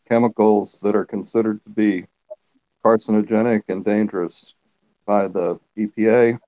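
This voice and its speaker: A man with a low, mellow voice speaks as a guest on a video call. He explains things plainly, now and then restarting a phrase. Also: poor audio. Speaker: guest, former geologist.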